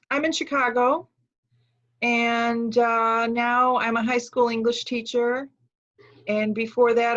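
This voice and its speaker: A woman's voice: fairly high pitch, fairly bright tone. Direct-speaking woman on lo-fi audio. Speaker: interview guest. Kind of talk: interview answers. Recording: dull lo-fi audio.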